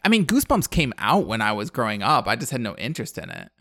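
A man's voice: mid-range voice, wildly swooping pitch, quick pace, creaky, bright, forceful tone, no room sound, clean studio sound. A man in his thirties hosting a podcast, recapping a film in casual chat, blunt and sarcastic, with plenty of fillers. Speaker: podcast host.

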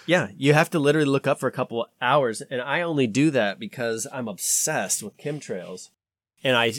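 A man's voice: medium pitch, a bit bright, no echo, clean studio sound. A man talking casually as a podcast host, rambling and swearing, with an insistent, conspiratorial warning tone as he acts out imagined exchanges.

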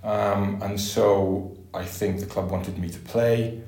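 A man's voice: lowish voice, steady tone, slow, a little mellow. A middle-aged man with a Welsh Valleys accent, reminiscing in a casual interview in a hesitant, matter-of-fact way. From Merthyr Tydfil, south Wales. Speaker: podcast guest, former footballer. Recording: roomy, echoey sound.

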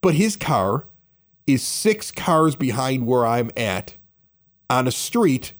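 A man's voice: mid-range voice, slow pace. A man telling a long story in casual chat at a basement bar, acting out the people in it as he goes. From Chicago area. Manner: animated storyteller, acts out quoted people. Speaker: podcast host.

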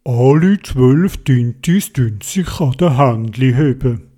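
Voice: medium pitch, expressive, slow pace, warm tone. A storyteller voicing a caring octopus father calling out for his youngest child. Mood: worried. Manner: worried, calling out.

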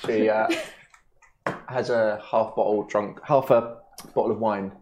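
A woman narrating as game master, halting with frequent ums. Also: extremely low pitch, fairly even intonation, noisy background.

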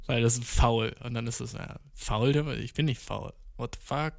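A young man doing a rambling comedic monologue, full of swearing and English slang, jumping from mumbled asides to excited outbursts. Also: medium pitch, moderate pace, gravelly, no echo, clean studio sound. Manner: slangy, profane, mixing English words into German; jumps from deadpan mutters to excited outbursts.

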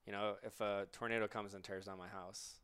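A man's voice: on the low side, flat delivery, brisk, fairly bright tone, smooth. A man co-hosting a podcast, talking casually and giving reflective, coaching-style advice. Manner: reflective, coaching tone, asks listeners questions. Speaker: podcast co-host.

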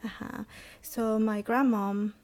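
Her voice is a little high and a little mellow, with not much movement in pitch. She's a woman in her thirties from El Salvador with a Salvadoran Spanish accent, haltingly sharing her testimony on a podcast with many pauses and restarts.

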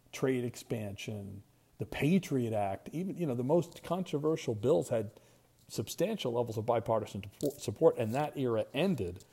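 Gravelly, husky American man giving commentary. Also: lowish voice, warm tone. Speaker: podcast host, market strategist. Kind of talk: spoken commentary, semi-scripted.

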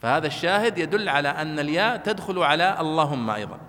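Man, teacher, explanatory, class commentary, highish voice, hall reverb. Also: lively intonation, fast talker, pushed and bright. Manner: explanatory, checks understanding with questions. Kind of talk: classroom commentary on a religious text.

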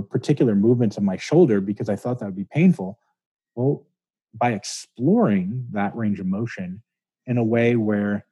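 Husky, mellow-voiced man explaining. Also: on the low side, no room sound. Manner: thoughtful, explaining ideas at length with hedges. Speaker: chiropractor guest. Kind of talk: casual interview talk.

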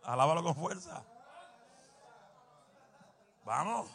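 A man preaching a sermon, animated and humorous, bursting into shouts. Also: fairly high pitch, slow pace.

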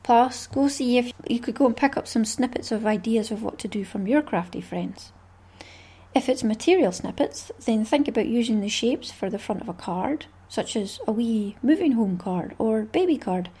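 A Scottish woman hosts her craft podcast alone, her voice a little husky and breathy. She sits fairly high in her range and rambles through her thoughts in a friendly, chatty flow, with small laughs here and there. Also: dark tone. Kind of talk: casual solo podcast chat.

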